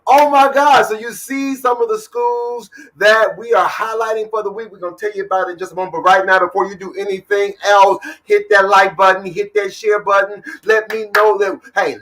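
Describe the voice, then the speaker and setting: High, bright-voiced energetic male host. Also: far from the mic, rough recording. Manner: energetic, hypes up viewers, calls out names. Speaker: talk show host. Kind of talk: lively livestream hosting.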